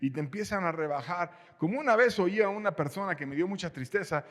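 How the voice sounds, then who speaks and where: A male pastor preaching a sermon, acting out quoted voices with sudden swings in pitch and loudness. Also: animated, fairly quick, big-room sound. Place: church sanctuary.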